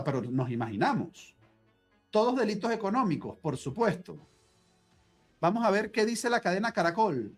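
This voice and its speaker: A man giving urgent live commentary on breaking news. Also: sits high.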